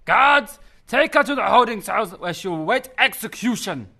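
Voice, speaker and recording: A man playing a menacing space lizard commander in a sci-fi radio drama, with a gravelly, forceful voice and a pompous, threatening delivery. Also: high-pitched, lively intonation, moderate pace, a little hiss or hum, heavily acted. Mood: commanding.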